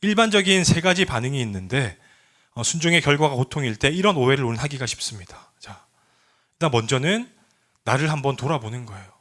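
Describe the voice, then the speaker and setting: A man's voice: medium pitch, expressive, fast talker, fairly bright tone. A male pastor preaching a sermon to a youth group. He asks the congregation questions and leads group readings.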